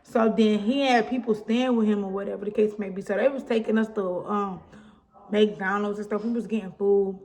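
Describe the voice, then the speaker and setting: A woman's voice: medium pitch, fairly even intonation, normal speed, darkish tone. A young woman, telling a storytime vlog in a chatty, blunt way. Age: young adult. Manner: chatty, blunt, frequent "like" and "y'all". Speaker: vlogger. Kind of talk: casual storytime chat. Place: home, with a baby nearby.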